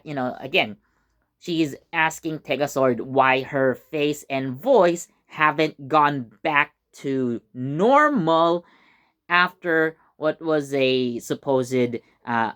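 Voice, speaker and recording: A man's voice: fairly high pitch, lively intonation, takes it slowly, a bit bright, clear, resonant tone. Chatty man hosting a casual review. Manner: chatty and rambling, with many fillers and self-corrections. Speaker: YouTube channel host reviewing a TV episode.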